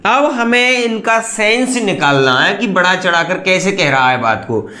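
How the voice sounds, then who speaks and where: High-voiced man teaching in an echoey room. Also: animated, a little slow, pushed and bright. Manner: chatty, repeats and rhetorical questions to the viewers. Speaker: English teacher hosting an online class. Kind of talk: explaining lesson.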